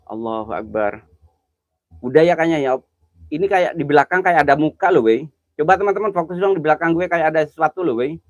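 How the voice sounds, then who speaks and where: A nervous man with a lilt hosts a live ghost-hunting stream outdoors at night, greeting viewers and muttering prayers. His voice sits a little high for a man. The sound is dry and close, as if from a phone held near his mouth. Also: a little fast, no echo, muffled recording. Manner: jumpy, chatty, greets viewers by name, nervous exclamations. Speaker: livestream host.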